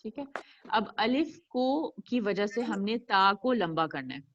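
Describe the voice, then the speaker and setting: A woman teaching a recitation lesson over a video call, modeling words slowly and patiently for a student to repeat. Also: mid-range voice, expressive, fairly bright tone, dull audio, a little hiss or hum. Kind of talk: online tajweed lesson.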